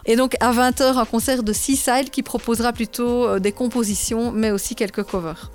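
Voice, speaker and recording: A woman's voice: a little high, fairly even intonation, normal speed. A woman, a guest in a radio interview, methodically walking through an event schedule. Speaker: guest, local events organizer.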